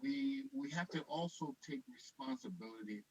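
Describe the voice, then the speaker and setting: A man from Liberia speaking on a radio talk show, his call audio breaking up and cutting in and out as he lays out his points in a measured way. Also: a little high, sing-song, creaky, slightly rough. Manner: measured, explanatory, lists points. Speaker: guest calling in. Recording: dull lo-fi call line, dry, dropping out.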